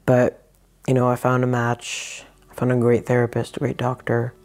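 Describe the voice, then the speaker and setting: A man's voice: completely flat delivery, normal speed, darkish tone. A man giving a frank, reflective personal account in an interview. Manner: reflective, frank, low-key. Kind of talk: candid personal testimony.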